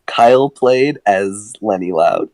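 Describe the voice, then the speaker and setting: Lively low-voiced man telling stories. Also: slow pace, dry recording. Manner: animated, laughs often, swears freely. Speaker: podcast co-host. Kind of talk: casual storytelling chat.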